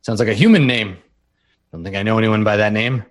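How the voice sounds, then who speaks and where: A man's voice: lowish voice, close to an everyday voice. A man voicing a smug, rich whale-like alien minister. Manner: slow, drawling and self-satisfied.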